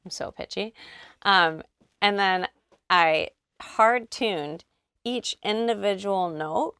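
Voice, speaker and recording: A woman's voice: mid-range voice, slow pace, fairly bright tone, smooth, no room sound. A woman vocal producer walking through her track in a recording studio, chatty and gushing with slang. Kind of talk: casual studio walkthrough.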